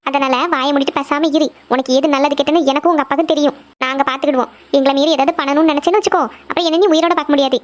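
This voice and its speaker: A woman's voice: high voice, steady tone, racing, few pauses, highs cut off, natural voice. A woman voicing a strict middle-aged mother, scolding and lecturing her daughter.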